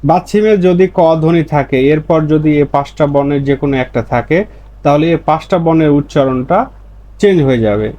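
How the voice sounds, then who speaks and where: A man's voice: on the high side, brisk, dark tone. A man teaching a pronunciation lesson, patiently repeating examples and answering his own questions. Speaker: language teacher.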